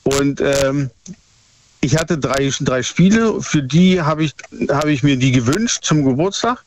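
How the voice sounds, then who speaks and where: Ein Mann in seinen Fünfzigern aus der ehemaligen DDR ruft bei einer Radiosendung an und erzählt stockend mit vielen „ähm“. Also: male voice, on the high side, animated, unhurried. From former East Germany. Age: 50s. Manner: hesitant, many fillers. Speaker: caller. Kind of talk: phone call to radio show. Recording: muffled phone line, faint noise.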